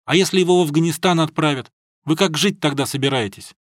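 A man's voice: a little high, fast, no room sound, clean studio sound, close to an everyday voice. A man voicing a naive, earnest young male student who pleads and blurts out whatever he thinks, in an audiobook. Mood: pleading.

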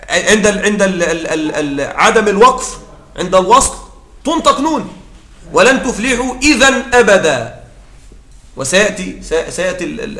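A man's voice: high voice, fairly bright tone, echoey room. A man teaching Arabic grammar, explaining patiently, often checking that listeners follow and restarting words mid-phrase. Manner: halting restarts mid-word.

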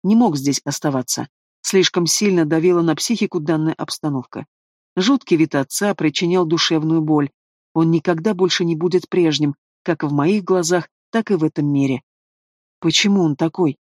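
A man reading a fantasy story aloud in the first person, with steady storytelling delivery. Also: on the high side, moderate pace, no room sound, studio quality. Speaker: audiobook narrator. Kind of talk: scripted first-person narration.

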